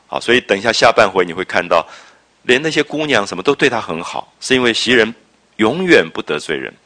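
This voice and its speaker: A man with a low but forceful voice lectures on a classic novel, his pitch rising and falling in a lively way. He explains in a drawn-out, reflective manner and keeps asking his listeners whether they follow. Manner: explanatory, checks understanding with rhetorical questions; drawn-out, reflective phrasing with frequent interjections. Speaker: literature lecturer.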